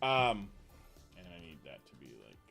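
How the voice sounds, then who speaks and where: A man hosting a live stream, commentating matches in a rambling, excitable way and laughing often. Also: low-pitched, moderate pace, faint music behind. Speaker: league commissioner and host.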